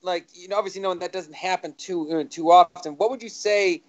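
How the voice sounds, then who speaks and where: A man's voice: high voice, steady tone, brisk. A man hosting a live talk show, asking questions in a jokey, rambling way with many fillers. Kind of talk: casual chat. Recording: dull lo-fi sound.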